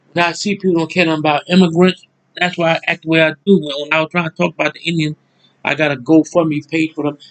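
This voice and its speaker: A man's voice: fairly high pitch, low-quality recording. A man, ranting angrily to his viewers in a repetitive monologue, cursing as he goes. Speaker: channel host. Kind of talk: angry monologue to camera.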